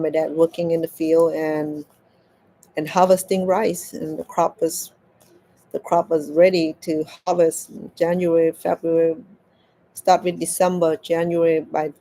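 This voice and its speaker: A Cambodian woman with a deep, mellow voice tells a casual story while crocheting for her vlog, captured on a rough recording. She speaks haltingly, repeating words as she searches for the right ones.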